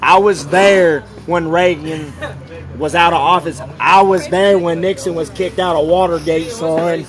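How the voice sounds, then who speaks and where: A man's voice: on the high side, steady tone, unhurried, lightly acted. A man playing a boastful, rambling old grandpa inventor who keeps calling everyone son and whippersnapper, in an improvised comic bit. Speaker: performer of a comic sketch. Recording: noisy crowd chatter outdoors.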